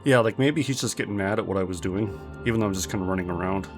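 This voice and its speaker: A man's voice: deep voice, fast talker, soft background music. A man streaming a game, chatting casually with viewers and thinking aloud with lots of fillers.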